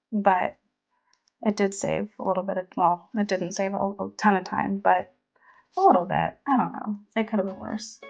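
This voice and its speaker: A woman's voice: mid-range voice, a little mellow, lo-fi sound. A woman who is an artist and small business owner, talking casually through her studio work in a chatty, self-deprecating way with frequent laughs. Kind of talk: casual studio vlog narration. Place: home art studio.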